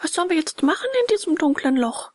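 A woman's voice: high-pitched, expressive, fast, no echo, studio quality, voice pushed up. A woman voicing a frightened young wooden puppet boy, wailing and pleading in a storybook reading.

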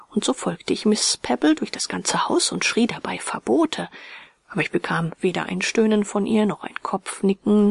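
Woman narrator, husky, whispery, slow ghost-story delivery. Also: medium pitch, dry recording. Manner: often half-whispered, slow and hushed. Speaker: audiobook reader.

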